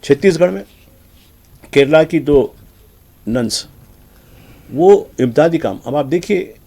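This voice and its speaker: A man with a Hyderabadi Urdu accent giving conversational news commentary on the papers, animated, acting out the exchanges he quotes. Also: creaky. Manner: animated, acts out quoted exchanges with shifts in pitch. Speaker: news commentator reviewing newspapers.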